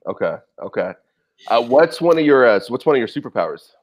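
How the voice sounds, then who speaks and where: A man's voice: mid-range voice, very animated, fairly quick, lo-fi sound. A man hosting a podcast interview, speaking in a friendly, enthusiastic way over a video call. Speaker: podcast host.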